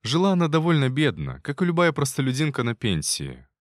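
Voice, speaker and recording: A man narrating a first-person audiobook in a calm, wry manner. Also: medium pitch, brisk, no room sound, studio quality.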